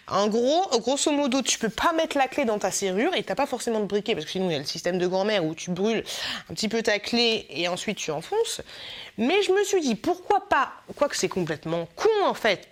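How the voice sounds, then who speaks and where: A woman showing her shopping haul to camera, in a chatty, playful way, with frequent hesitant fillers and self-mocking asides. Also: on the high side. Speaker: haul vlogger. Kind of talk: casual product haul chat.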